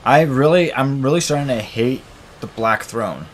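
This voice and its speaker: With a medium-pitched voice, lively intonation and a moderate pace, this young gaming channel host does let's play commentary on his own game. He sounds fed up, rambling and leaning on filler words, and there's a little background noise.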